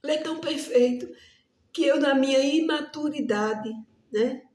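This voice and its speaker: A woman's voice: high-pitched, moderate pace, darkish tone, echoey room. A woman preacher telling a testimony in an earnest, emotional sermon style, often calling out to her listeners. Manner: earnest, addresses the listeners as "amados".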